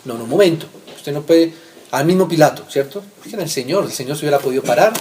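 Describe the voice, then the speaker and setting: A man preaching in a fairly high voice, reading scripture loudly and then dropping to soft asides. He keeps checking in with his congregation by asking "right?". A faint background noise sits under the recording. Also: expressive, fast. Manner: reads scripture aloud, asks listeners "¿cierto?" often; swings between loud readings and soft asides. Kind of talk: Bible teaching.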